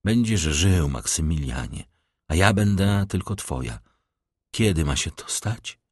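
A man's voice: deep voice, expressive, measured pace, slightly rough, no echo, clean studio sound, exaggerated voice. A man reading an audiobook, voicing a desperate, pleading young woman in love with a tearful, raised voice. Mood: imploring. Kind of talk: audiobook reading of a classic novel.

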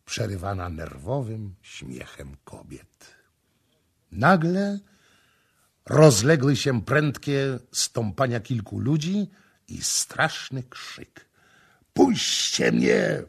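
A man's voice: fairly low pitch, vocal fry, breathy edge. A man reading a novel aloud as an audiobook narrator, with dramatic, shifting delivery. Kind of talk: scripted literary narration.

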